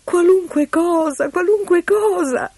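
A woman voicing a frightened young maiden in a fairy tale, pleading in a drawn-out way, with music playing behind. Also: on the high side, lively intonation, dark tone, no echo, voice pushed up. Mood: relieved.

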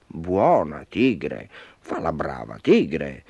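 A man's voice: medium pitch, sing-song, normal speed, warm tone, no room sound, pitched above the performer's own voice, natural voice. A man voicing a shy but cheeky little boy in a children's storybook. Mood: coaxing.

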